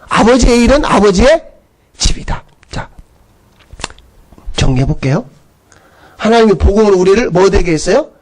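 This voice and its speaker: Telling the story with lively animation and acted-out outbursts, a male pastor gives his Sunday sermon in a high-pitched voice.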